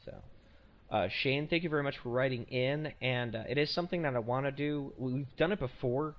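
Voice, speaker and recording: A man's voice: medium pitch, fairly quick, lo-fi sound. Rambling man hosting a podcast. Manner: rambling, self-correcting, jokey. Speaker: podcast host. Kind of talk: casual podcast chat.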